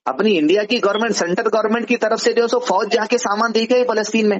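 A fast-talking man with a high-pitched voice and fairly even intonation advises a caller by phone. His Hyderabadi accent comes through a dull lo-fi recording as he lectures didactically, often asking rhetorical questions.

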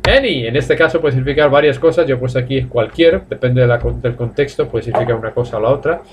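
A man from Spain with a Spanish accent, teaching a live online English class, explaining in Spanish and modelling slow drill sentences in English. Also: mid-range voice, background noise. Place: language academy classroom.

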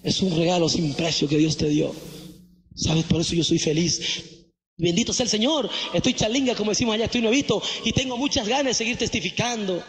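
A man's voice: sits high, a little fast. A man giving an impassioned evangelist's testimony, calling the listener brother. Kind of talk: emotional testimony. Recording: echoey hall.

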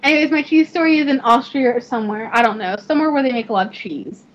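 Giggly high-voiced Southern young woman. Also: quick pace. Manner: giggly, rambling, exclamatory. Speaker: streamer. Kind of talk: casual game live-stream chat. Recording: slightly dull, faint noise.

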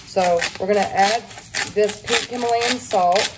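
A home cooking vlogger with a medium-pitched voice walks viewers through a recipe in her kitchen, taking her time. She's chatty and folksy, calling her audience y'all as she cooks along to camera. Heavy background noise runs through the recording.

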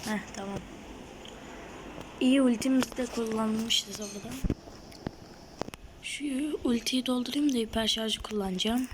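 Streaming live gameplay on her gaming channel, a woman gets excitable and yells at opponents, then drops to a murmured whisper. Her pitch is fairly high and she speaks unhurriedly with frequent pauses, over background noise.

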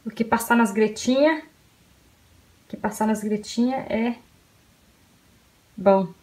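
A young Brazilian woman chatting loudly in a casual home vlog, often shouting at her dogs and baby. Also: on the high side, slow. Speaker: vlogger. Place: family home indoors.

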